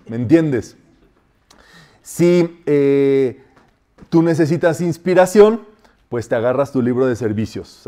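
A man teaching a spiritual class, calmly guiding students and repeating short decrees slowly and softly. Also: mid-range voice. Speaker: metaphysics teacher.

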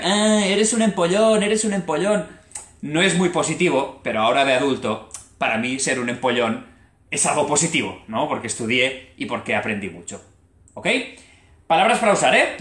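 Young man, Spain Spanish accent, live language teacher, expressive, slows to stress words, echoey room. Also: on the high side. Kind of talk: live online Spanish lesson.

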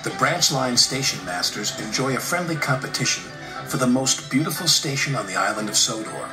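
A man narrating a children's story with expressive, animated delivery. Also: medium pitch, fairly quick. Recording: roomy echo with music behind.

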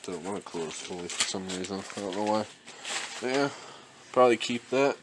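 A man's voice: on the low side, moderate pace, heavy background noise. A young man vlogging as he unboxes storage-unit finds, thinking aloud and chuckling often. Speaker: reseller vlogger. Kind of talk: casual unboxing commentary.

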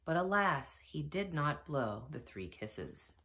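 A teacher reading a children's picture book aloud, with expressive storytelling. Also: female voice, low voice, slow. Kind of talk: children's read-aloud narration.

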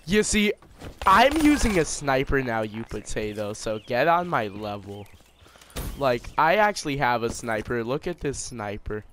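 A man's voice: medium pitch, very animated, unhurried, a bit bright, slight background noise. A man trolling an opponent over game chat, taunting and mocking him with jokey insults. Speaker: online gamer trolling an opponent. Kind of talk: trash-talking game commentary.

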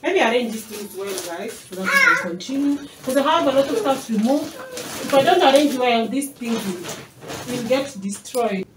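Kenyan woman, 30s, home vlogger, higher voice, off-mic in an echoey kitchen with background noise. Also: sing-song, moderate pace, far from the mic. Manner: chatty, unpacking items while talking, drifting from the camera. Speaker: mom vlogger. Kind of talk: casual grocery haul vlog. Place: small home kitchen, indoors. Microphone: camera mic from across the room.

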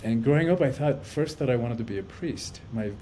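The guest on this casual video-call podcast interview, recorded indoors at home, is a Cuban man in his fifties who works as a life coach and author. His medium-pitched, mellow voice is lively and a little fast, earnest and reflective, and he often repeats words as he thinks, with slight background noise.

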